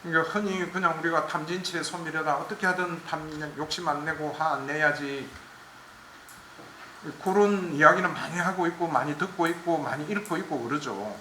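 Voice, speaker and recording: Guy giving a dharma talk, bright sharp voice, roomy echo. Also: on the high side, slight background noise. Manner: explains plainly, asks the listeners for agreement. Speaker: Buddhist teacher. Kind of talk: dharma lecture. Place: temple lecture hall. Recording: echoey room.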